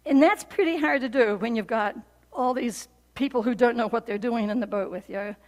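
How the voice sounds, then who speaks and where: Brief: woman pastor, high voice, chatty storytelling sermon, long hall reverb. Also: normal speed. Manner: storytelling, animated and conversational, with frequent fillers.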